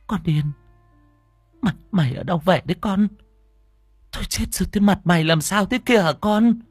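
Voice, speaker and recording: A man's voice: sits high, moderate pace, slightly rough, dry recording, clean studio sound, soft background music, voice pushed up. A man voicing a poor, loving old grandmother over sixty who scolds in fretful exclamations. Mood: alarmed.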